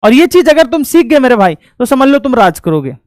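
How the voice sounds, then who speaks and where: A man's voice: very high-pitched, sing-song, fairly quick, no room sound. Man teaching a recorded class; chatty, teasing, motivational, breaks into song snatches; dry close sound. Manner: chatty, joking asides to students; coaxing, motivational. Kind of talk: recorded online lesson.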